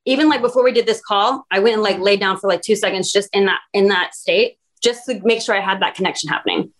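A woman's voice: mid-range voice, fast talker, fairly bright tone. A woman guest speaking casually and earnestly, rambling with lots of fillers as she explains her daily practices. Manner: earnest, rambling, heavy use of "like". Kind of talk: casual podcast conversation.

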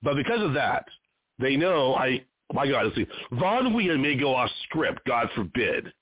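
A man hosts an independent show in a mid-pitched, chatty voice, circling around his questions and trailing off mid-thought. The audio is dry and narrow-band, like a phone call. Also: big pitch swings, moderate pace, slightly rough, dry recording. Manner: rambling, conversational, trails off. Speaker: host and producer of an independent show. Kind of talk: interview hosting. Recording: dry, tinny phone-line sound.

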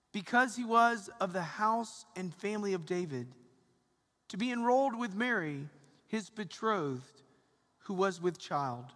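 A man from Atlanta, Georgia, reads the Gospel as a priest at Mass. His slow, deliberate proclaiming sits a little high in pitch. A long cathedral echo trails every phrase through the large church. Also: a bit bright. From Atlanta, Georgia, USA. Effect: cathedral echo, long reverb. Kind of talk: Gospel reading at Christmas Mass. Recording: echoey church hall reverb.

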